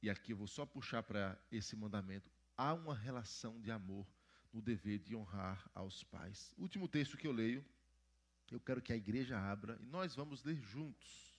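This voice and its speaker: A man's voice: lowish voice, moderate pace. A man, the pastor, teaching a Bible lesson in church and putting questions to the children. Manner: asks the children questions and prompts answers. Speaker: pastor teaching Sunday school.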